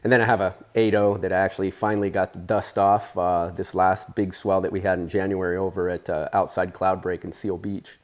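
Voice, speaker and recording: A man in his forties, raised in Spain, telling stories in a relaxed interview with plenty of fillers and restarts. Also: low voice, a little fast, few pauses. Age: 40s. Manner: easygoing, rambling, with many fillers. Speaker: interview guest, surfer. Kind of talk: casual storytelling interview.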